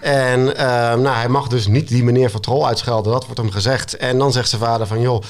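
Relaxed man chatting about his book. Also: medium pitch, brisk. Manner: frequent hesitations. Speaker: children's book author as guest. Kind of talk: casual conversation.

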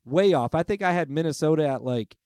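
A man's voice: fairly high pitch, lively intonation, darkish tone, no echo, clean studio sound. A man hosting a sports podcast in casual, chatty talk, self-deprecating and easygoing. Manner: chatty, self-deprecating, quick to change his mind. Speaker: podcast host.

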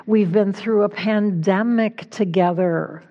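Woman, minister, unhurried slow delivery, conversational sermon, reflective and informal, medium pitch. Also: dull audio. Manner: reflective, informal, guiding listeners gently. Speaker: minister giving a talk. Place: church sanctuary.

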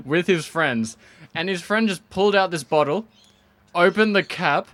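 A man's voice: high-pitched, measured pace, fairly bright tone, no room sound. A young man co-hosting a live community radio show, telling jokey stories in a playful way. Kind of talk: casual live radio banter. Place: outdoor broadcast caravan at a market.

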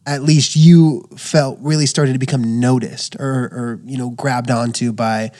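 Brief: male podcast host, mid-pitched voice, friendly but meandering questions. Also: fairly even intonation, unhurried, mellow. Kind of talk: casual interview.

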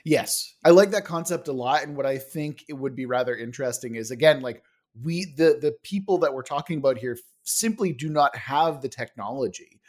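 A man brainstorming ideas in casual chat, excitable and rambling, swearing now and then. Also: mid-range voice, brisk. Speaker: worldbuilding collaborator.

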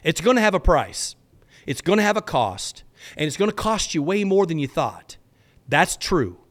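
A man's voice: a little high, sing-song, moderate pace, fairly bright tone. Earnest man preaching on a podcast. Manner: earnest, exhorting, casual address with stammered repeats. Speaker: podcast host teaching on faith. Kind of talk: sermon-like podcast teaching.

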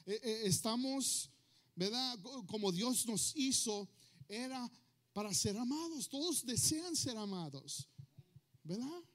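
A man's voice: very high-pitched, expressive, slow, fairly bright tone. A male pastor preaching a sermon to his congregation, switching between two languages and asking the listeners questions. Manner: switches between Spanish and English, asks the crowd questions.

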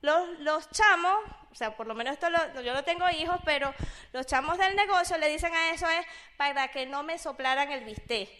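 A high-pitched woman with a Venezuelan accent tells a personal story in a casual, chatty way. She is animated and jumps in pitch when she acts out what other people said. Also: normal speed. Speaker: speaker sharing a personal business testimony.

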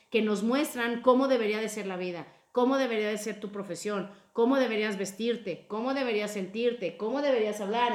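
A woman hosting a casual podcast chat about emotions, talking in an expressive, playful way. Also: fairly high pitch, roomy sound. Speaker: podcast host.

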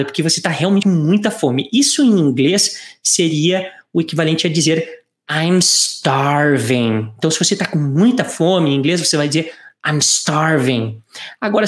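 An English teacher, giving a lesson and drawing out English phrases slowly for the listener to repeat. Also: mid-range voice. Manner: slow, drawn-out English phrases for repetition. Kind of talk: online language lesson. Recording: roomy echo.

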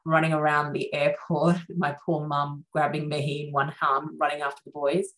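A middle-aged woman with a notably low voice talks through a relaxed interview as a surgeon guest. Born in Sri Lanka, she speaks in a chatty, reflective way, often pausing on fillers. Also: rough recording.

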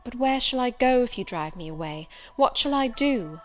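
A woman's voice: mid-range voice, moderate pace, natural voice. A woman narrator acts a young female wanderer at the end of her strength. She is desperate and earnest, pleading in formal phrases, in a storybook reading with a little background noise. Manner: imploring, formal wording. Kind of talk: audiobook character voice.

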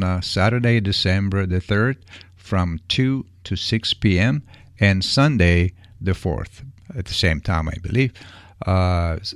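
Halting, gravelly, slow-talking male radio host. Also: on the low side, no room sound, clean studio sound. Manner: halting, hesitant, searching for words. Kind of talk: unscripted radio announcements and chat.

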